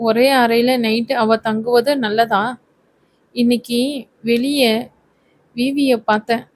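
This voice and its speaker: A woman's voice: a little high, no room sound. A woman reading as a scolding, sarcastic young woman.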